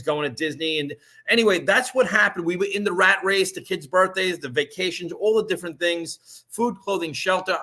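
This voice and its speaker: In his fifties, this man casually pitches an online business on a live stream in a voice that's a bit bright. He rambles, starts over often and keeps checking in with "right?".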